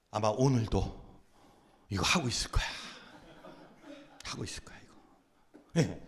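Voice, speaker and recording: A male pastor teaching a class in a lively, emphatic way. His high voice swings widely in pitch and sounds bright and forceful. He repeats his points and acts out the people he talks about. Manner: emphatic, repeats key phrases; acts out angry quotes. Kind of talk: animated lecture.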